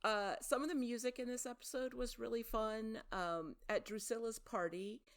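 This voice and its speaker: A woman's voice: on the high side, fairly even intonation, moderate pace. A woman hosting a podcast, chatting casually and sharing trivia with a self-deprecating manner. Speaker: podcast host.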